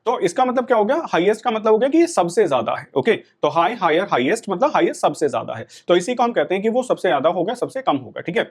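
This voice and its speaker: A middle-aged Indian man teaches a class with a lively, swooping voice that sits a little high. He explains patiently and keeps pausing to check that the students follow. His tone is that of a classroom lecture. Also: breathy edge.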